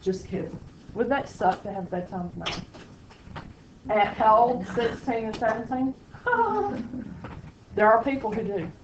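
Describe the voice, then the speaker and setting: Lady teaching math class, teasing the kids, kinda high voice, echoey room from far off. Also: expressive, unhurried, pauses often, noisy background. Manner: playful teasing, sarcastic asides to students. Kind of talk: classroom lecture. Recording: echoey classroom, distant lo-fi mic.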